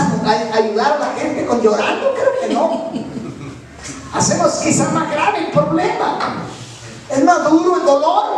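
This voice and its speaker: A man preaching a sermon as pastor, often turning to the congregation to ask if they follow him. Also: extremely high pitch. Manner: keeps asking the congregation "right?". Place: church hall. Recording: very echoey, mic far off.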